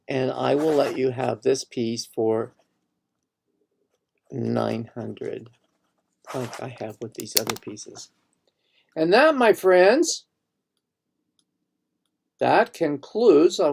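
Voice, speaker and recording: A man with a medium-pitched, gravelly yet mellow voice walks viewers through his own online exhibition. He's the painter behind the work, giving a casual live gallery tour while rambling, thinking aloud, and restarting often.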